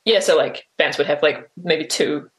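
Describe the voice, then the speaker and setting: Speaking at a normal pace in a deep voice, this New Zealand woman is a guest giving relaxed interview answers. She hesitates a lot, peppering her words with "um" and "like."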